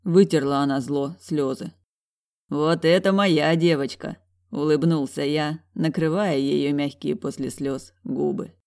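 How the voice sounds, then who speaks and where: A man narrating a first-person audiobook in a calm, gentle, reassuring way. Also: on the high side, unhurried.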